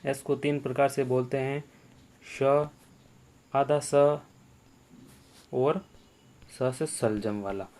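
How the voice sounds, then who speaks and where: Patient male teacher, unhurried delivery, medium voice, drills letters by repetition. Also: medium pitch, darkish tone. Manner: slow, repeats sounds and quizzes the viewer. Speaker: English teacher. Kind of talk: spoken language lesson.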